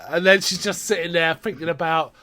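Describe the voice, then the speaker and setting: A man co-hosting a podcast, retelling a film's plot in lively casual chat with asides. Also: on the high side, a little fast, a crowd in the background. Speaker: podcast co-host. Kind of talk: casual film recap chat.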